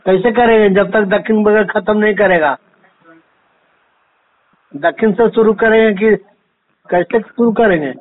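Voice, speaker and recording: A man with a high voice speaks insistently, firing question after question. His voice comes through a tinny phone line that keeps cutting out and glitching into choppy fragments. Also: a little slow, long pauses. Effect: choppy, breaking-up phone audio. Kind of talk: phone call.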